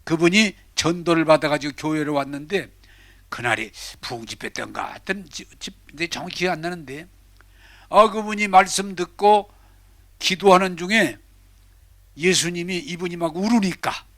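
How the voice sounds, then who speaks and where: Older pastor preaching with bright fervor. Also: male voice, on the high side, animated, normal speed, no room sound. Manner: dramatic, swinging between loud and whispered. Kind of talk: sermon.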